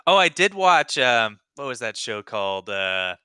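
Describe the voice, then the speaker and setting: Bright, crisp young man chatting. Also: medium pitch, very animated, unhurried. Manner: rambling, searches for names, swears casually. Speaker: podcast co-host. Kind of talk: casual chat.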